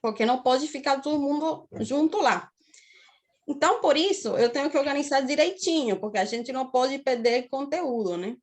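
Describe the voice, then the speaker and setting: A woman from Cuba in her thirties, with a Cuban Spanish accent, lectures a university class online. Her voice is high-pitched and expressive, at normal speed. She explains steadily, frequently checks in with her students, and habitually tags phrases with "né?".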